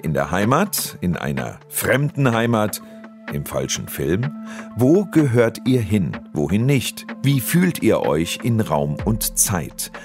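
A man hosting a radio lecture program, presenting in a scripted, lively way and speaking directly to listeners. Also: on the low side, slow, faint music behind. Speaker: radio show host. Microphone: studio microphone. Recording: dry studio sound.

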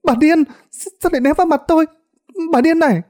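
A village boy yells in a high, strained voice, frantic and loud, as a male narrator acts him out. He shouts in quick bursts. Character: village boy, panicked, yelling.

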